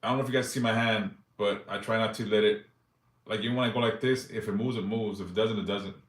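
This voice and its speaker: A man's voice on the low side comes fast, with fairly even intonation and reverb. He's a forties-aged host of a casual live stream, reading viewers' yes-or-no questions aloud and answering them briefly in loose, profane talk.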